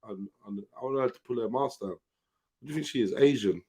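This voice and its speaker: A man's voice: mid-range voice, quick pace, a little mellow, husky. A man with a south London accent, bantering casually as he hosts a live online panel. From Peckham, south London. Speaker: live panel show host.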